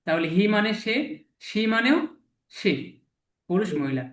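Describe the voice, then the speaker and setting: A man teaching English vocabulary to a class, slowly repeating each word and its meaning. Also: sits high, lively intonation, fairly bright tone, roomy sound, rough recording. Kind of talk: classroom lesson with repetition drills.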